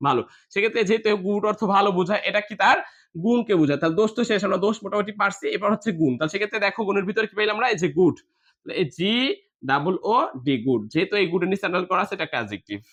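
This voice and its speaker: A man teaching a classroom grammar lesson in a high, light voice. He spells each word out letter by letter, then asks the class a question and answers it himself. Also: expressive, rapid-fire, fairly bright tone.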